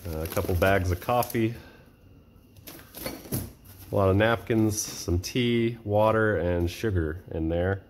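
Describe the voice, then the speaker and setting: A man in his thirties casually walking through his camping kitchen gear at home, chatty and relaxed with frequent fillers. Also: deep voice, slow, pauses often, noisy background. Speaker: vlogger showing camping gear. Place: cluttered home storage room and kitchen, indoors.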